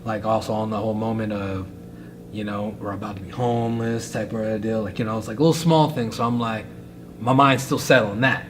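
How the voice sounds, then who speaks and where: Young guy, low-ish voice, casual rambling storyteller, faint hiss. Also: brisk. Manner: rambling, filler-heavy, animated. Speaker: podcast guest, fighter.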